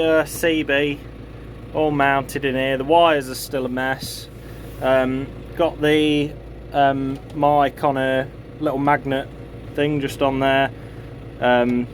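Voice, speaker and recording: Slight background noise sits under this mid-range male voice. A farm vlogger, he talks through a hands-on DIY installation in a casual, matter-of-fact way for a how-to vlog recorded on a handheld phone.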